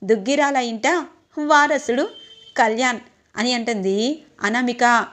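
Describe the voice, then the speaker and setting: Brief: woman storyteller, fairly high voice, brisk casual recap narration. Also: a bit bright. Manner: quick storytelling, reads all characters' lines in her own voice.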